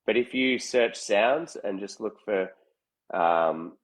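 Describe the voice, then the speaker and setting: A man's voice: on the low side, slow. A man, a musician guest, with a nasal voice, talking on earbuds in a video call and laughing often. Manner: laughs a lot, upbeat. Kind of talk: casual chat.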